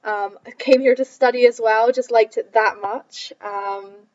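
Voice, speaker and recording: A young woman with a Scottish accent hosts a casual interview. Her voice sits a little high. The audio is somewhat dull and lo-fi. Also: fairly even intonation, unhurried, a little mellow. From Edinburgh, Scotland. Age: young adult. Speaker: host. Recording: dull, band-limited audio.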